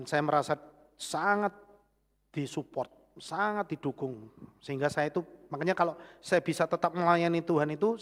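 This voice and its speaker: A middle-aged man with a Javanese accent preaching a sermon with personal testimony, animated, swinging from loud exclamations to hushed asides. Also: a little high. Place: church hall. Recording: long church hall reverb.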